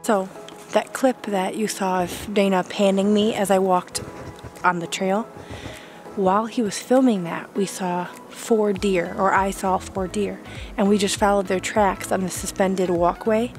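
A woman's voice: mid-range voice, steady tone, measured pace, faint music behind. A young woman vlogging on a winter hike in the woods, talking chattily to a handheld camera with lots of fillers. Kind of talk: casual vlog talk to camera.

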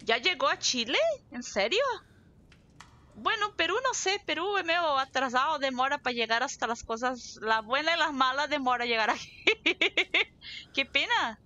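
A woman with a southern Brazilian accent, Portuguese being her first language, keeps up long, casual chatter while streaming a game, laughing easily. Her voice is high-pitched, expressive, bright and forceful at normal speed, though the audio sounds dull.

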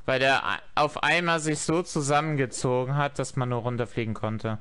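A man chatting casually as he streams a game, phrasing things haltingly. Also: mid-range voice, steady tone, a bit bright, clear, resonant tone. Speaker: gaming streamer. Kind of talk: casual gameplay chat.

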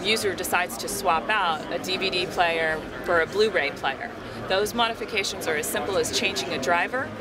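A man presenting software at a trade show booth, explaining steadily with frequent ums. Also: high voice. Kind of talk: product demo. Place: busy trade show floor. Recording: loud crowd noise behind. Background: loud crowd chatter.

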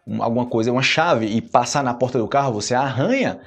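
A young man with a Brazilian Portuguese accent, speaking in a mid-range voice with a husky, breathy edge. He teaches a casual language lesson, drilling words by saying them again and again, slowly and deliberately. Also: mid-range voice.

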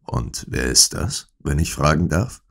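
A male reader voicing a cool-headed detective in a storybook, the voice extremely deep. He probes with composed, unmoved questions and keeps every line level. It is recorded close on a studio microphone. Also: very animated, unhurried, fairly bright tone, slightly rough, full character voice. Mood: composed probing. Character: calm, sharp-minded male detective. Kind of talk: audiobook character voice.

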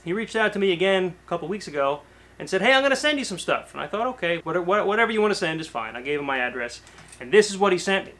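A man in his thirties chatting casually to camera in a cluttered garage workshop, relaxed and full of fillers and restarts. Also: high voice, fast talker. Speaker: garage vlogger. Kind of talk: casual show-and-tell to camera.

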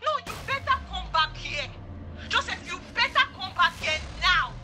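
A woman's voice: extremely high pitch, big pitch swings, normal speed. An actress playing an angry, threatening Nigerian mother in a film, scolding indignantly. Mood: furious. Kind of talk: film drama acting. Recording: loud music behind.

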